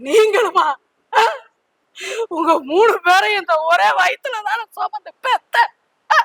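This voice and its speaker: A woman's voice: extremely high pitch, creaky, dry recording, full character voice, rough recording. An actress playing a middle-aged mother who scolds her family through tears, defending her transgender child. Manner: scolding while crying and shouting. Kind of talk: family drama acting.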